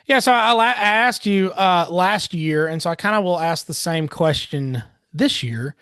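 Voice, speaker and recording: A man's voice: high-pitched, expressive, normal speed, fairly bright tone, clear, resonant tone, dry recording, studio quality. A man hosting a community podcast and chatting casually with his guest. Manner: chatty and friendly, with restarts and uhs. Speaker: podcast host. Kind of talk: casual interview.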